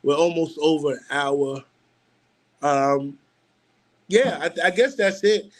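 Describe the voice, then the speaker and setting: Rambling man in his forties, higher voice. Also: takes it slowly. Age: 40s. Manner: rambling, many fillers and restarts. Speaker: livestream host. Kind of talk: casual livestream chat.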